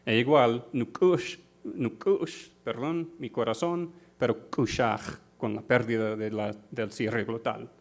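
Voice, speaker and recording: Male conference presenter, mid-pitch, careful halting delivery, lots of fillers and restarts, auditorium talk. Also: fairly even intonation. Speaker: conference speaker. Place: university auditorium.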